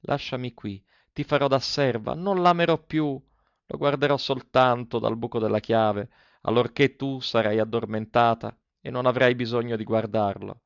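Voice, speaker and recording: A man's voice: mid-range voice, fairly even intonation, moderate pace, vocal fry, no echo, muffled recording, natural voice. A man voicing a frightened young novice nun who is losing her mind, reading her diary in a pleading, feverish way with repeated cries. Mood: yearning. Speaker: audiobook reader.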